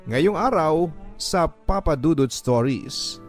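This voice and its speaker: A Filipino radio host reads listener letters in an earnest, sentimental, dramatic storytelling style, with background music playing behind him. His voice is fairly high and animated, and he speaks slowly.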